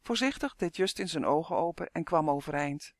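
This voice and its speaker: A male narrator reading a children's story in a clear, even manner. His voice sits fairly high for a man, and the recording is close and dry with no room sound. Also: a little fast, no echo. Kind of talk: audiobook narration.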